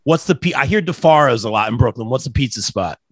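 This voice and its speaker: Quick-talking male interview host, dry sound. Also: mid-range voice, expressive, breathy edge, no echo. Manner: informal, chummy, often says "man". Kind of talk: casual chat interviewing.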